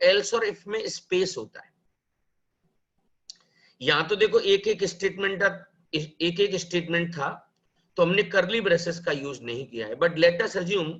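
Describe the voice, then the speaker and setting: A man teaches a live programming lesson, mixing English terms into his talk and calling the students brother. His voice is high and bright, and he speaks at an unhurried pace. The recording is dull and lo-fi. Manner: explains step by step, asks questions and answers them himself; mixes Hindi and English, calls students "bhai" and "beta". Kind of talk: live classroom lecture.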